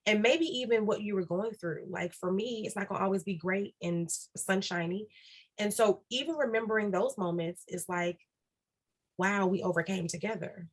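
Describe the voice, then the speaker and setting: A woman guest on a podcast interview, talking earnestly and repeating key phrases for emphasis. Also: on the low side. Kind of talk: reflective podcast interview talk.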